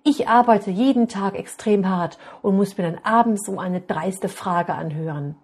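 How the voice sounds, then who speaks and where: A woman reading out a hardworking father who scolds his son loudly. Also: lowish voice, moderate pace, slightly rough. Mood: angry scolding. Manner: loud, scolding outbursts. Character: angry hardworking father, later remorseful.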